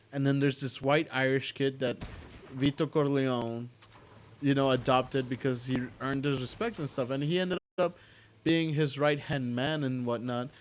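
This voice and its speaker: A man's voice: medium pitch, a little hiss or hum. Profane, rambling American man. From United States. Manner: profane, rambling, with many restarts and filler asides. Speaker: host. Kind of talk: casual opinion rant.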